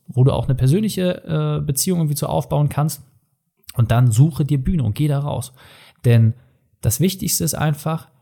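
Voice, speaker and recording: Emphatic German coach with a husky voice. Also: male voice, mid-range voice, warm tone. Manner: direct, addresses listener informally, emphatic. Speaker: entrepreneur coaching on speaking. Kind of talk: motivational coaching talk.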